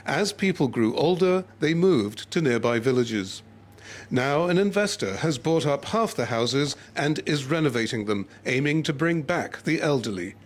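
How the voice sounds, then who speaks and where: A male correspondent narrates a scripted news report in clear, even voice-over. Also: medium pitch, moderate pace.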